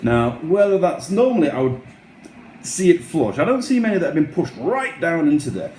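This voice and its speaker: A man hosting a casual wine tasting, talking in an unhurried, musing way with short trailing phrases. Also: a little high, big pitch swings, darkish tone. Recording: roomy echo, faint background noise.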